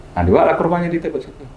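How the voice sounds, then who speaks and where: A man, a guest healer, telling a story in casual chat, lively and acting out the dialogue he quotes. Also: fairly high pitch, slight background noise. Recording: echoey room with faint music.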